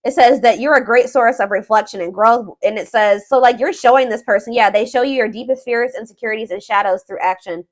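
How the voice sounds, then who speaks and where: This female tarot host has a fairly high voice and talks fairly quickly with few pauses. Her reading for viewers is casual and informal, full of thinking aloud, searching for words, and emphatic points.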